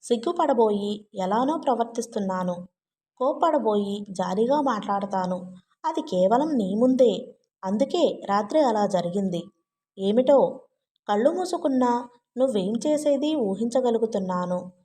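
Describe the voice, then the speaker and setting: A shy young woman in love confides frankly and tenderly to her cousin, half bashful and half teasing, in a storybook voice, as a woman reader plays her. The voice sits fairly high with a warm, mellow color. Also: expressive, measured pace. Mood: confiding.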